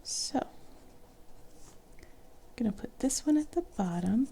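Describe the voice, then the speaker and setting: Soft half-whispering woman with gravelly voice. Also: fairly high pitch, animated, measured pace. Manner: quiet, half-whispered musing while drawing. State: losing her voice. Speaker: artist vlogger. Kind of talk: soft-spoken drawing commentary.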